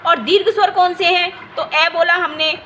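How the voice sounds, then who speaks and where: High, bright-voiced woman teaching Hindi grammar. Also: steady tone, moderate pace, slight background noise. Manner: explanatory, repeats key terms, checks understanding often; stretches vowels to demonstrate length. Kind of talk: exam-prep grammar lesson.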